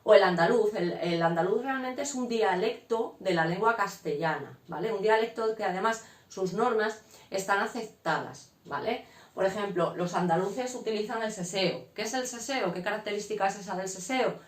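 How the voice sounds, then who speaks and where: Teacher explaining in an echoey room. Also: female voice, mid-range voice, moderate pace. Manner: frequent "¿vale?" check-ins, explanatory. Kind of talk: casual classroom lecture.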